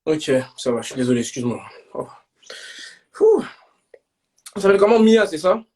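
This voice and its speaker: Slangy young man, high and lively. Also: normal speed. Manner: slangy, loud bursts and shouting. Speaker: live stream host. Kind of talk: casual live stream banter.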